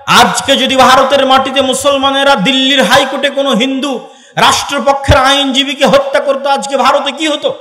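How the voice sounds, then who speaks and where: A man's voice: extremely high pitch, bright, forceful tone. A man giving an impassioned sermon-style speech to an audience in a large hall, firing off rhetorical questions. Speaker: Islamic lecturer. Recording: echoey hall with long reverb.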